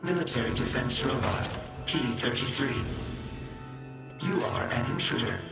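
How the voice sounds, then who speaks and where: Distorted game robot, dutiful male defense machine, flat and clipped, echoey over loud music. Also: medium pitch, a little slow. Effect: fuzz distortion on the voice. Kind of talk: video game voice acting.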